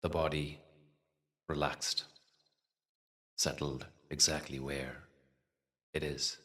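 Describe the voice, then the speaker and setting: A guided meditation is taught by a man whose voice is very deep, with a level pitch and a bright, forceful tone. He moves very slowly and calmly, with long, deliberate pauses, and he is positioned some distance from the mic.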